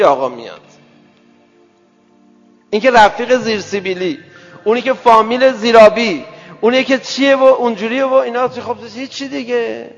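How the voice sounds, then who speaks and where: A male preacher giving an emphatic sermon to a gathering, firing rhetorical questions at the audience and swinging between loud outbursts and soft asides. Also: high-pitched. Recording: dull lo-fi sound with long hall reverb and faint music.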